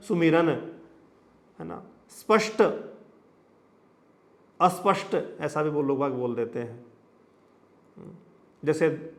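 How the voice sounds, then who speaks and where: A man teaching a lesson on sound change, explaining step by step through long lists of examples and frequent tag questions. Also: on the high side. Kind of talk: lecture on phonetics.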